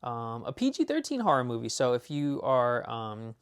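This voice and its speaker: A man's voice: medium pitch, huge pitch swings, clear, resonant tone. A man casually showing off his movie disc collection, rambling enthusiastically with lots of fillers and restarts. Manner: talks fast at times. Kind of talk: casual unboxing chat.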